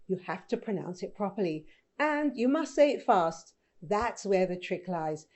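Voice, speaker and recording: A woman's voice: mid-range voice, dark tone. A woman presenting scripted online news as host, speaking directly and conversationally to viewers.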